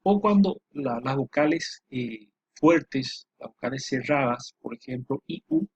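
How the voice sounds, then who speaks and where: A man giving a slow, patient lesson, repeating himself often and filling pauses. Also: mid-range voice, animated, breathy edge, no room sound. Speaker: teacher. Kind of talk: spoken lesson over slides. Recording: dull dry lo-fi voice recording.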